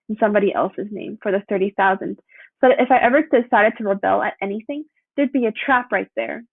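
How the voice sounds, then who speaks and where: A woman's voice: mid-range voice, creaky, dry recording. Young woman reading a presentation over a tinny line. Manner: steady read-through with occasional slips and self-corrections. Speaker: student presenter. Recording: dry, tinny phone-like sound.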